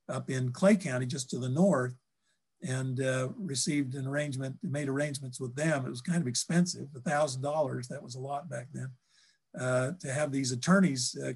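An older man on a video call from a book-lined office, recounting history in a halting way, full of ums and restarts. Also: medium pitch, a little mellow, slightly rough. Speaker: historian guest. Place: office with bookshelves.

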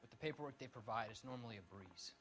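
An actor playing a cornered young American car thief under questioning in a crime game, defensive, slangy and evasive. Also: male voice, medium pitch, racing, lightly acted. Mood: giving in. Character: cornered young male car-theft suspect, defiant, evasive. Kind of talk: video game crime drama dialogue.

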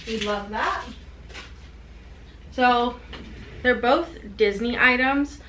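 Showing items from her clothing haul to the camera, a reseller vlogger in her twenties keeps things chatty and upbeat. Her fairly high, somewhat bright voice draws out words. The desk camera is close to her in a small, echoey home room with a clothing rack, and a faint hiss runs in the background.

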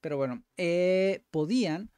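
A man's voice: high voice, lively intonation, measured pace, mellow, clear, resonant tone, no echo. A man who hosts a language-learning video, thinking aloud and correcting himself as he works through exercises. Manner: thinking aloud, self-correcting, frequent "vale?" and "ok". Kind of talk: casual commentary while doing language exercises.

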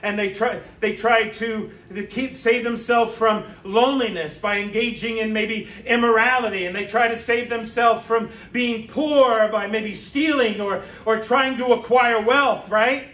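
High, bright-voiced preacher in an echoey church. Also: male voice, fairly even intonation, a little slow, hardly any pauses. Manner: conversational preaching with rhetorical asides. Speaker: pastor. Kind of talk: sermon. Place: church sanctuary. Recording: echoey church sanctuary from a distance.

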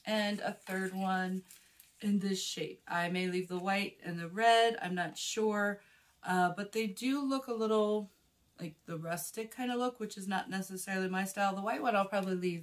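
Still a bit hoarse from a recent illness, a woman in her forties chats warmly about her shopping haul as a vlog host. Her voice is on the low side and a touch husky. She records in a small indoor room before a plain wall, speaking near a phone camera fitted with a clip or shotgun mic.

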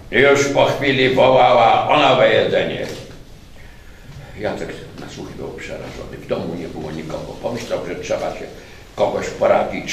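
A man reciting a fairy tale in an expressive, dramatic way, recorded in an echoey room from a distance with faint noise behind. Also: fairly low pitch, vocal fry. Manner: dramatic, wide-ranging delivery.

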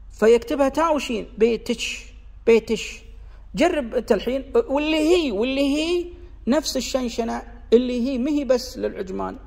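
Gravelly Gulf Arabic man teaching. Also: high-pitched, a little mellow, big-room sound. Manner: demonstrates sounds by repeating them slowly; sketches a diagram while explaining. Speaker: dialect linguistics teacher. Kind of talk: explanatory lesson.

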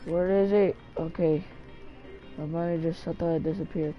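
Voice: mid-range voice, steady tone, moderate pace, muffled recording, soft background music. A gamer giving casual commentary over their own gameplay, chatty and talking back to the characters on screen. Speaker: gamer narrating own play.

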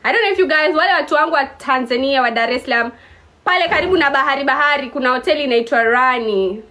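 A woman's voice: high voice, fast talker, bright, forceful tone. A woman in her twenties from Kenya, chatting casually and teasing her viewers on a live stream. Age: 20s. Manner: playful teasing, mixes English and Swahili.

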